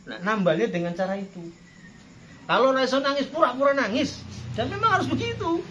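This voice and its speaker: A man's voice: very high-pitched, lively intonation, a little fast. A male preacher giving a playful religious study talk, acting out tearful pleading prayers. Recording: dull lo-fi sound, faint background noise.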